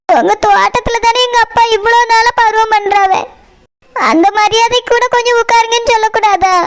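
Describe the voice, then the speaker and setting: A woman voicing a heartbroken young village woman in a cartoon, speaking sadly and reluctantly. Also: extremely high pitch. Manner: sad, reluctant, pleading.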